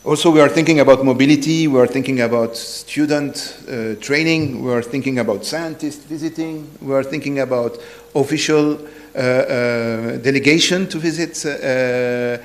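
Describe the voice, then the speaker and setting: A man giving a partly improvised public speech, halting and often repeating his words. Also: medium pitch. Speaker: seminar speaker.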